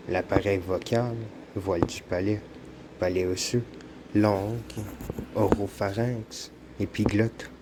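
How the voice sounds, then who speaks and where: A man with a Quebec French accent giving a slow, measured scripted narration for an educational lesson. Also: on the low side, background noise. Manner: slow, measured explanatory reading.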